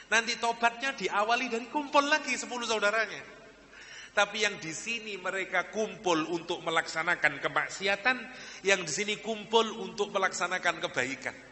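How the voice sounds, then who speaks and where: A man's voice: high voice, bright, forceful tone, long reverb tail, a little hiss or hum. A man with a Javanese accent preaching a sermon, telling stories and acting out the people in them. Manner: acts out the people in his stories, mixing in Javanese phrases. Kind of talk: sermon with storytelling.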